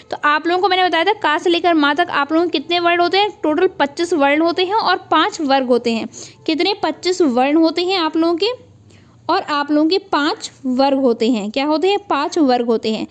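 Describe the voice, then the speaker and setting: High-voiced woman teaching an online class. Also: brisk. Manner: repeats key points as quiz questions, then answers them; mixes English words into Hindi. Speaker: online exam-prep teacher. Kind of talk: online lecture.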